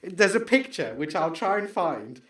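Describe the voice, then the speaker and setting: A man co-hosting a podcast, chatting excitably and rambling, trailing off into mumbles while he searches. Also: high voice, moderate pace. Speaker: podcast co-host. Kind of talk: casual chat.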